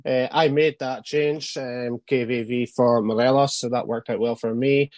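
A man's voice: mid-range voice, steady tone, moderate pace, darkish tone, no echo, studio quality. A man chatting casually about fantasy football as a podcast panelist.

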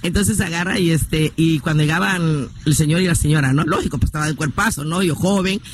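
A woman in her fifties with a Mexican coastal accent, telling her life story in a lively, earthy way, swearing freely and acting out other people's voices. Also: sits low, brisk, noisy background. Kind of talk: casual storytelling interview.

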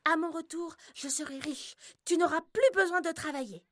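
A woman's voice: very high-pitched, normal speed, dry recording, studio quality, voice pushed up. A woman voicing a confident young male pirate in a storybook reading, cheerful and self-assured.

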